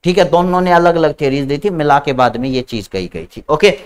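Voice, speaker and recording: A man's voice: on the high side, animated, a little fast, smooth. A man teaching a biology class online in Hindi mixed with English with an Indian English accent, calling students "beta" and stretching out key terms as he dictates.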